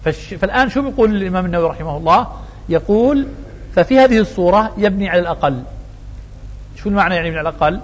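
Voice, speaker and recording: A man teaches a religious lesson in a quick, high-pitched voice. He explains each point step by step, asking his listeners questions and answering them. The recording is dull and lo-fi, with long hall reverb. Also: animated.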